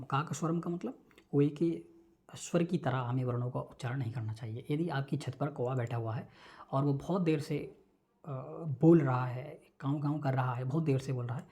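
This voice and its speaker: Guy teaching a class online, mellow voice, goes over each term again and again. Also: mid-range voice, vocal fry. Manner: explains each term slowly, repeats points, checks understanding. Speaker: Sanskrit teacher. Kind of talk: online lecture explaining a text.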